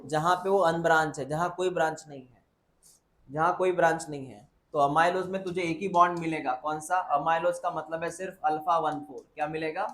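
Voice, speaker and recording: A man's voice: a little high, fairly even intonation, fairly bright tone, a little hiss or hum. Man teaching biology in an echoey classroom. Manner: repetitive, quizzing students with quick questions. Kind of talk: classroom lecture.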